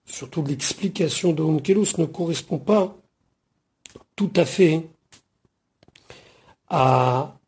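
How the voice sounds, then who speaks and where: Warm-voiced man teaching Torah verses. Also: fairly high pitch, slow, long pauses. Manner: reads Hebrew phrases, then translates and explains them in French; patient, explanatory, dwells on grammar points. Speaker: rabbi teaching the weekly Torah portion. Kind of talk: verse-by-verse Torah study lesson.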